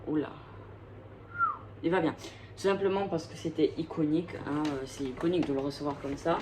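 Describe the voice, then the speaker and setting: A woman's voice: low-pitched, a little fast, background noise. A woman vlogger chatting casually and gushing about her records, with many hesitations. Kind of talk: casual chat.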